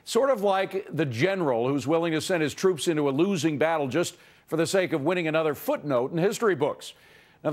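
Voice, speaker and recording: Male news host, raised pitch, emphatic opinion-segment delivery. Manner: emphatic, editorializing.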